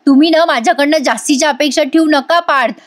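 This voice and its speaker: A woman voicing an angry young wife from a TV serial who shouts and turns her husband away. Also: sits high, quick pace, natural voice. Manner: shouting, bitter.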